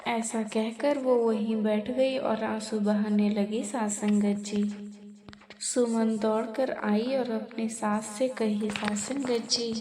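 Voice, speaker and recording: A woman's voice: a little high, fairly even intonation, takes it slowly. A woman narrating a devotional story, who keeps addressing her congregation of listeners. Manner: addresses listeners repeatedly as "saath sangat ji". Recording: echoey room with crowd noise.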